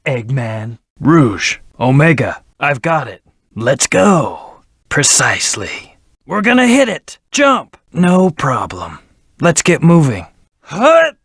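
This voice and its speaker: A man voicing a brooding, arrogant hedgehog antihero in a video game, with a haughty, clipped, deliberate delivery. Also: mid-range voice, slightly rough, no echo, clean studio sound, full character voice. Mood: arrogant, defiant, then brisk, commanding.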